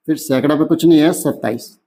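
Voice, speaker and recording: A man teaching a maths lesson in who keeps asking questions and answering them himself, slowing down when he reads out numbers. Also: on the high side, mellow. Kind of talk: classroom lesson explanation.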